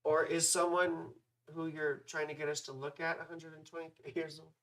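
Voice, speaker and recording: An astrology livestream host with a dry, parched vocal fry, chatting casually with viewers in a playful, scattered way, often breaking off into affectionate asides. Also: mid-range voice, flat delivery, normal speed, a bit bright, poor audio.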